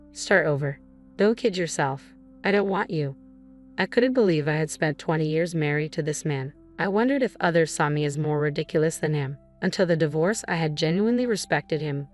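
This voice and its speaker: A middle-aged woman reading a first-person story in a calm, measured, cool tone. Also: low-pitched. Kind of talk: scripted first-person narration.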